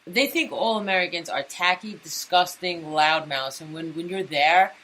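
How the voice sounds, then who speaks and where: Brief: opinionated female co-host, lower pitched, bright tone, light hiss behind. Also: normal speed, low-quality recording. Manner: animated, opinionated, chatty. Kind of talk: casual talk radio banter.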